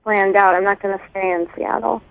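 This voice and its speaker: A woman's voice: mid-range voice, steady tone, a little fast, creaky, no room sound. A woman on the phone to a radio show, hesitant and full of fillers. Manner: hesitant, filler-heavy, apologetic. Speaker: caller. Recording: tinny phone line.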